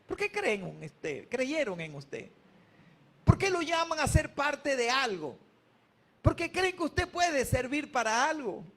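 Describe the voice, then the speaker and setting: A man's voice: very high voice, very animated, slow pace, a bit bright. A male pastor preaching a sermon in an emphatic style, calling on the congregation to answer back. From Colombia.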